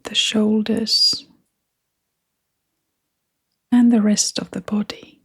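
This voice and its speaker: A woman acting as meditation guide speaks slowly and breathily through a gentle guided meditation. Her soft, half-whispered voice is mid-range with a level tone, and she takes her time, leaving long pauses.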